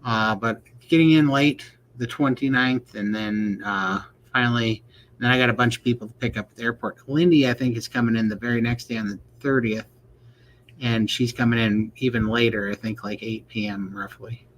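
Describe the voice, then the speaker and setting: A man's voice: mid-range voice, steady tone, moderate pace, fairly bright tone, a little hiss or hum. A man co-hosting a casual livestream chat, rambling and laughing often. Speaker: livestream co-host.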